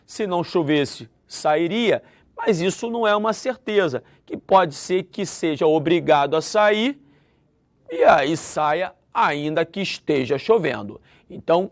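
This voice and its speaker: High-voiced Brazilian man teaching grammar. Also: no echo, clean studio sound. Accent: Brazilian Portuguese. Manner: lively, acts out example sentences with shifting intonation. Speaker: Portuguese teacher. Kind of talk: video grammar lesson.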